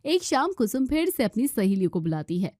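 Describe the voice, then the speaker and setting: Female narrator, scripted story reading, fairly high voice, dry close mic. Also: sing-song, brisk, warm tone, dry recording.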